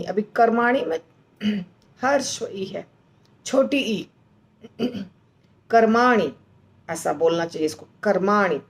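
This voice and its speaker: A woman teaching how to pronounce and recite a verse, explaining slowly and patiently and chanting the lines. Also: fairly low pitch. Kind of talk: slow recitation lesson.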